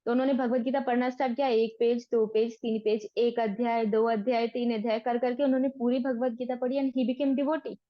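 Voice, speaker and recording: High-voiced woman teaching a devotional class. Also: little pitch movement, fairly quick, few pauses, dry recording, highs cut off. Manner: earnest, explanatory, asks and answers own questions. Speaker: Gita course teacher.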